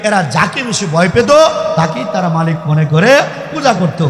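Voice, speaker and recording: A man from the Mymensingh region of Bangladesh preaching to a crowd, shouting and firing questions back at his listeners. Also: high-pitched, lively intonation, moderate pace. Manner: shouting, call-and-response questions to the audience. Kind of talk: Islamic sermon to a crowd. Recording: echoey hall reverb from PA.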